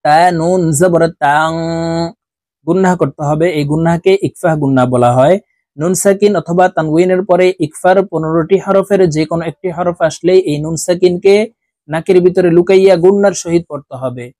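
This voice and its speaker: A man teaching Quran letter reading, spelling out each syllable and then slowly drawing out the whole word. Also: high voice, dark tone, dry recording. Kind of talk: slow spelled-out recitation lesson.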